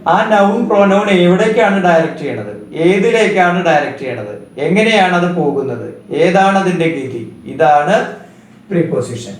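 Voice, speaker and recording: A middle-aged man with a Kerala accent gives a grammar lesson, reading English definitions slowly and then explaining them in Malayalam. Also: sits high, lively intonation. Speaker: grammar teacher. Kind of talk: recorded grammar lecture. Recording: echoey room, voice distant from mic.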